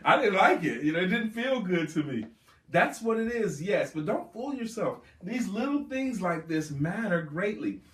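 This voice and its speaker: A man's voice: high-pitched, very animated, moderate pace, a bit bright, roomy sound, far from the mic. A man giving a motivational sales seminar talk as a trainer, speaking emphatically and repeating key words for stress.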